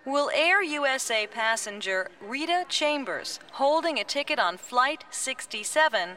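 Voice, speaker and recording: A woman playing an airport gate announcer who pages a passenger in a formal, measured way over the intercom, in a scripted course recording. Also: high-pitched, sharp tone, exaggerated voice. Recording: distant voice with faint noise.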